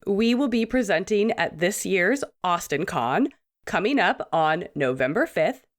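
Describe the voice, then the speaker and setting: Woman co-host, sick-sounding voice, animated and chatty. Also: on the low side, measured pace. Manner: chatty, self-mocking, laughs often. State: sick, voice still recovering. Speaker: podcast co-host. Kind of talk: casual podcast chat.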